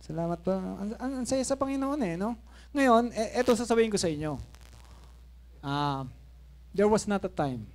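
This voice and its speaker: A man in his fifties preaching with a high, light voice. He tells stories in an animated way, dropping to a soft murmur and then rising to a shout, with laughing asides along the way. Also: moderate pace, pauses often. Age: 50s. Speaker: pastor. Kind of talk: Taglish sermon storytelling.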